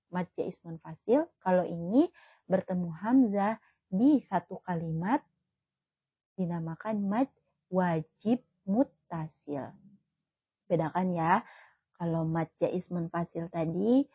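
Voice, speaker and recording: A woman gives a patient, unhurried Quran recitation lesson, stretching out each example word and saying it again. She speaks at a slow, deliberate pace in a dry, close sound. The recording is a little dull and muffled. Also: fairly low pitch, breathy edge, dry recording. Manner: patient, repeats words slowly and loudly to model pronunciation.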